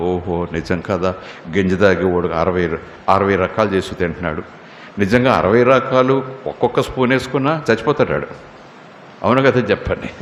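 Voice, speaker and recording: A man's voice: mid-range voice, reverberant, big-room sound, slight background noise. A male pastor preaching a sermon, impassioned, acting out voices and cries.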